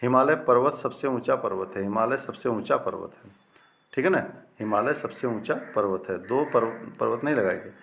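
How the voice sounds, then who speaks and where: A man's voice: mid-range voice, moderate pace, gravelly, a bit bright. Male teacher, plain mid-range voice, methodical correction drills, light room noise. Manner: repeats each example twice, wrong form then correct, with frequent "ठीक है ना" checks. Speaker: Hindi grammar teacher. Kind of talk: classroom-style lesson reading out corrections.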